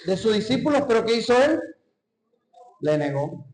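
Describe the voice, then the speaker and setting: A man's voice: high voice, very animated, moderate pace, a little mellow, slight background noise. A male pastor preaching an impassioned sermon that often addresses the congregation directly, recorded in a church. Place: church hall. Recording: echoey church hall.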